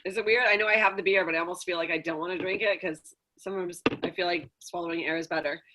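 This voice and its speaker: A woman's voice: fairly low pitch, fairly even intonation, fast talker, pushed and bright, poor audio. A woman chatting casually as a contestant, jokey and a bit crude. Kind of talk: casual chat.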